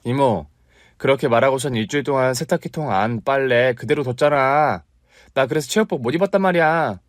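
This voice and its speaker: A woman voicing a tidy, nagging young boy in a storybook radio tale, her tone a little higher than her narration. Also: brisk, no room sound, studio quality, close to an everyday voice. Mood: complaining. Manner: nagging, matter-of-fact.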